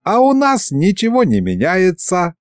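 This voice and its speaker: A cheeky gluttonous three-headed dragon voiced by a man, higher and whinier than a normal voice, bouncing all over in pitch, squabbling chatter in a storybook reading. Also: huge pitch swings, a little slow, dry recording, studio quality, exaggerated voice. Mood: cheerful.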